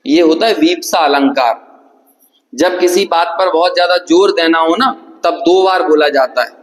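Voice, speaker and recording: A man's voice: fairly high pitch, moderate pace. A man from India giving a scripture lecture in a hall, explaining with questions and repeated examples. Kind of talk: scripture lecture with chanted verses. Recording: echoey hall.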